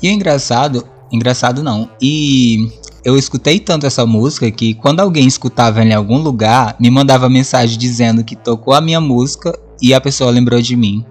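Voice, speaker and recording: Brief: male podcast host, relaxed chat about music, lively and a bit crude. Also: medium pitch, brisk. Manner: lively storyteller who acts out his own reactions; swears casually. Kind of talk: casual monologue about favorite songs.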